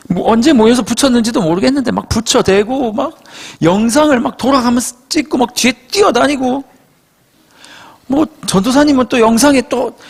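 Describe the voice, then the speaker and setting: Animated, husky-voiced male pastor. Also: extremely high pitch. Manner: animated storytelling, acts out quotes. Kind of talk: sermon to a young adult congregation.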